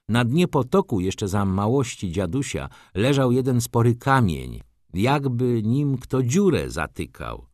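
Storybook village lad, simple and plain-spoken, put on by a male reader, a bit higher than the narration, lively in pitch. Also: no room sound, clean studio sound. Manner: plain, matter-of-fact storytelling.

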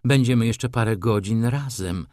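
A man voicing a young high-society lady who talks quickly and coaxingly in a raised voice. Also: a little mellow, no room sound, studio quality, lightly acted. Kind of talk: audiobook character reading.

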